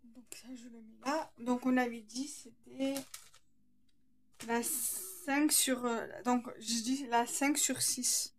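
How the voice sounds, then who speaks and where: Woman, slight lisp, unhurried delivery, thinking aloud, hands-on tutorial host. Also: on the high side, steady tone. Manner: hesitant, thinking aloud as she works. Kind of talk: casual hands-on tutorial narration.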